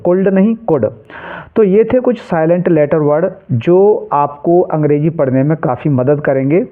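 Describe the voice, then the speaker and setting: Man, teacher, lesson, spells letters aloud, quizzes himself, slightly high voice, phone-like audio. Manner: spells letters aloud and asks questions, then answers them himself. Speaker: English teacher. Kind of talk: classroom-style lesson. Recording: tinny phone-like sound.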